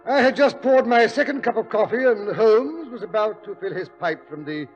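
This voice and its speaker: An actor playing a genial, chatty old English doctor with a British accent and a fussy storyteller's manner in a 1940s radio drama. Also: male voice, high voice, animated, moderate pace, lo-fi sound, soft background music. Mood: narrating. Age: older.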